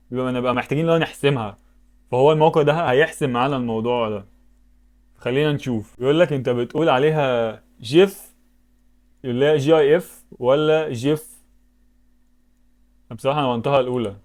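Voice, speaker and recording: Fast-talking Egyptian man thinking aloud. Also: mid-range voice, a little mellow. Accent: Egyptian Arabic. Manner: thinks aloud with sudden exclamations. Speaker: YouTuber. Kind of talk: casual commentary while playing web games.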